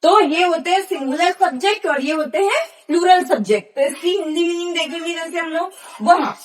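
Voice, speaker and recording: A woman's voice: very high voice, lively intonation, brisk. A woman teaching a grammar lesson, explaining patiently and spelling out examples one by one.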